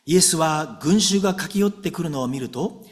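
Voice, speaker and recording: A male pastor preaching in a high, very lively voice that swoops up and down. He talks warmly and conversationally to his congregation, often checking in with them. He acts out heartfelt prayers as he goes. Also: moderate pace. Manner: conversational preaching with frequent tag questions to the congregation; animated and expressive, acting out prayers aloud. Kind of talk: sermon.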